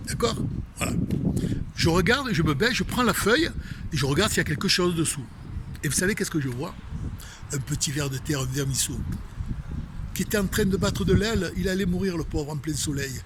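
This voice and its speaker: Man, Marseille accent, inspirational outdoor sermon, emphatic, repeats himself, talks to the listener; noisy open-air recording. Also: sits high. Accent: Marseille French. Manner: emphatic, repetitive, addresses listeners directly. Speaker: spiritual speaker. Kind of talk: inspirational religious talk. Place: outdoors facing a tree.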